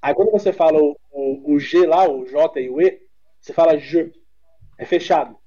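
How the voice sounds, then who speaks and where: A man's voice: fairly high pitch, normal speed, dull audio. A Brazilian man with a Brazilian Portuguese accent, a podcast guest chatting bluntly and swearing freely. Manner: blunt, swearing, animated storyteller. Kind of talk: casual chat.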